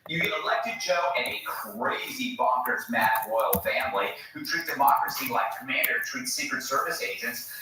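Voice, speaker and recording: A man's voice: medium pitch, very animated, moderate pace, few pauses, bright, forceful tone. A man giving mocking, joke-filled commentary on a talk panel, with punchy sarcastic delivery. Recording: echoey room, distant mic, background noise.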